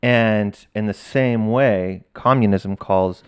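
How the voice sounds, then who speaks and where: A man's voice: on the low side, slow, smooth. A seminary-trained man on a casual panel podcast, explaining his views with opinionated asides.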